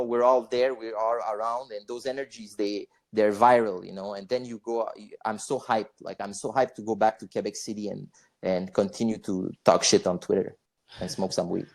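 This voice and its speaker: A young man born in Bosnia is a guest on a podcast, chatting casually in a low, slightly mellow voice. He rambles, with frequent fillers, restarts and swearing.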